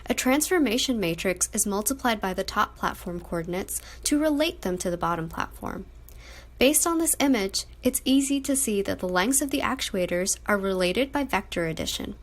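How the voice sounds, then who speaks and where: A woman's voice: mid-range voice, animated, normal speed. A young adult woman reading a scripted technical explanation as a student presenter.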